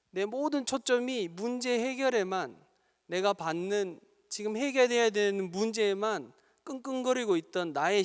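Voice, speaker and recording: A man's voice: high-pitched, clean tone. A male pastor from Gyeongsang Province preaching an earnest, exhorting sermon to a youth service in a church sanctuary. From Gyeongsang Province, Korea. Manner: earnest, exhorting, building to fervent appeals. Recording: long reverb of a church sanctuary.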